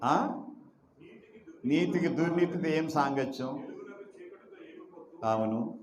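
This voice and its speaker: A man's voice: mid-range voice, crowd noise. Emphatic male preacher in echoey room. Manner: emphatic, rhetorical questions, drawn-out repeated phrases. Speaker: pastor. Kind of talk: sermon.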